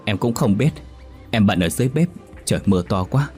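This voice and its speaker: A man's voice: fairly low pitch, animated, a little fast, darkish tone, soft background music, lightly acted. A man voicing a worried, hard-working widowed aunt in a horror audiobook.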